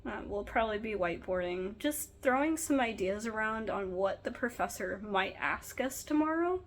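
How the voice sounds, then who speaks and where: A woman's voice: mid-range voice, lively intonation, moderate pace, a little hiss or hum, rough recording. A woman in her twenties, a veterinary student, talks casually and candidly to the camera in a diary-style vlog, with frequent "um" and "like".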